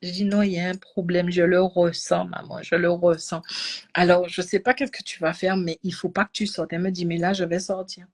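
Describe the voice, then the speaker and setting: Husky woman telling a story. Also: fairly low pitch, a little fast. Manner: animated, swings between loud bursts and hushed whispers. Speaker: energy healing coach. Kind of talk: personal storytelling to a live audience.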